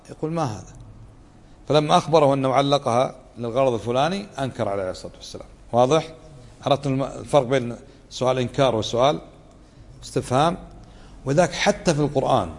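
A man teaching a religious lesson, explaining a text in a conversational way, often asking the listeners to confirm and acting out tones of voice to show what they mean. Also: fairly high pitch. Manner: acts out tones of voice to show meaning. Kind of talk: lesson commentary. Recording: long hall reverb.

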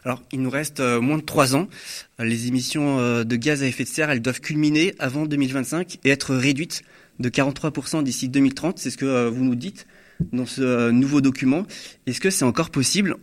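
A man's voice: medium pitch, brisk. Mid-voiced male host, reads his intros with hesitant fillers. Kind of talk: studio interview.

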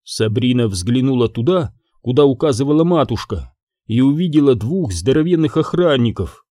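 A man reading a fantasy storybook aloud, with an expressive, lively delivery. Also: medium pitch, normal speed, dry recording. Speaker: audiobook reader. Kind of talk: storybook narration.

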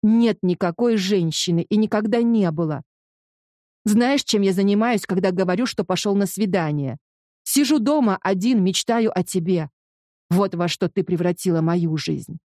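A woman's voice: mid-range voice, moderate pace, a little mellow, no echo, studio quality, lightly acted. A woman voicing a hurt, insistent young man who is pleading with his lover in an audiobook. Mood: exasperated.

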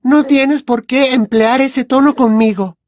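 A woman voicing a curious, sharp-tongued teenage girl witch who speaks coolly and directly. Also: high-pitched, fairly even intonation, a little slow, no echo, studio quality. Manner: cool and direct.

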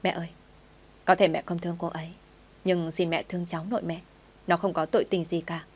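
A woman's voice: on the low side, little pitch movement, brisk, husky. A woman reading the lines of an earnest son of thirty pleading with his mother.

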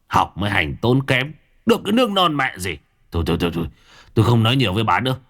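A man's voice: mid-range voice, big pitch swings. A man doing a violent drunk husband. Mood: drunken rage. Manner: slurred, shouting, rapid abuse. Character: drunk, violent, greedy middle-aged husband.

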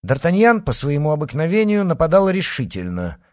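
A man reading a novel aloud with expressive, theatrical narration. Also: on the high side, a little fast, dry recording, clean studio sound. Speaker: audiobook narrator.

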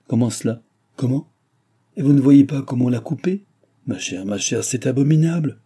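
A man voicing a fussy, complaining middle-aged gentleman who scolds in an indignant, peevish manner. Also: medium pitch, animated, moderate pace, slightly rough, voice pushed up.

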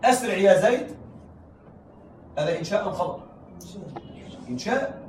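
A man's voice: high voice, expressive, moderate pace. A man teaching a classroom lesson, who keeps checking that his students follow and repeats key phrases. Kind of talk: classroom lesson on Arabic rhetoric. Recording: echoey room, heard from a distance, faint noise.

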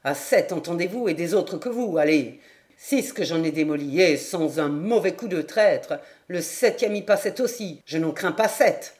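A woman doing a raspy drunken sailor. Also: on the high side, lively intonation, normal speed, a little mellow, lightly acted. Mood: boastful. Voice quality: raspy, slurred. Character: drunken raging sailor back from abroad, boastful.

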